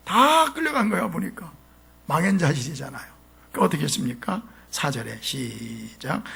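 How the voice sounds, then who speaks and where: Animated raspy Korean pastor preaching. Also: male voice, fairly high pitch. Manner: animated, asks the congregation questions. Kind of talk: sermon. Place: church sanctuary.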